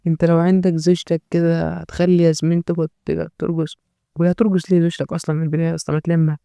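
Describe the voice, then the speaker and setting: A man's voice: a little high, level tone, very fast, creaky, dark tone, clear, resonant tone, dry recording, studio quality. A man with an Egyptian accent giving natural unscripted, joking commentary as a host, in a mocking, rambling way.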